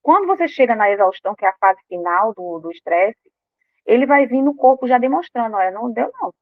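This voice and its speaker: A woman's voice: on the high side, brisk, no echo. Woman talking over a tinny line. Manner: animated, acts out quoted inner voices. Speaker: speaker on emotional health. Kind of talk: informal talk to a live audience. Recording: dry, tinny phone-like sound.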